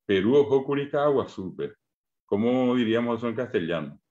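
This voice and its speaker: A man's voice: mid-range voice, animated, warm tone, lo-fi sound. A man with a Paraguayan Spanish accent teaching a Guarani class over a video call, patiently sounding out syllables one by one. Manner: patient, spells out syllables slowly. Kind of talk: online language lesson.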